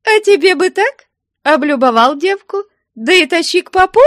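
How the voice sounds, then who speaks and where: A woman narrator puts on a mischievous young woman with a sharp tongue, scolding and mocking in a high, bright, loud voice that leaps all over. Her tone is teasing and restless, set in a close, dry recording, like a storybook heroine. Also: lively intonation, normal speed, dry recording. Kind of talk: audiobook character voice.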